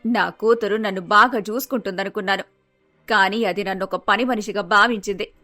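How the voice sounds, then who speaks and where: A woman voicing an aging, widowed mother in an animated storybook, lamenting her troubles in a sorrowful, resigned way. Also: mid-range voice, fairly quick, soft background music, close to an everyday voice. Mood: grieving. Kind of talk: storybook voice acting.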